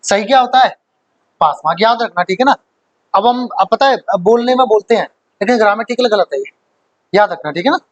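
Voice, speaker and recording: A man's voice: sits high, brisk, no room sound, dull audio. A man teaching English grammar in a live online class, in a chatty, joking way with many rhetorical questions and checks that students follow.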